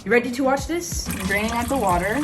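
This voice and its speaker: A woman's voice: a little high, fast, over music. A young woman giving an informal, step-by-step cooking demonstration for a vlog. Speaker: vlogger showing a recipe.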